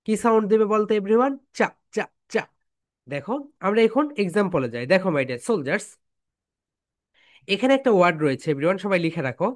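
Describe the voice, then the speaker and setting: English teacher, mixes in english, keeps calling the class "soldiers" and makes them repeat stuff. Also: mid-range voice. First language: Bengali. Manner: keeps addressing students as "my dear soldiers", repeats phrases for drilling. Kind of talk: spoken lesson with call-and-response drills.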